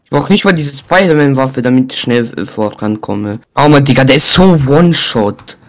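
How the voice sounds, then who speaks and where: A man playing a boastful, hot-headed Green Goblin in casual gaming role-play banter, bragging and quick to shout in frustration. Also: mid-range voice, expressive, close to an everyday voice. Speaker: gamer in a role-play video.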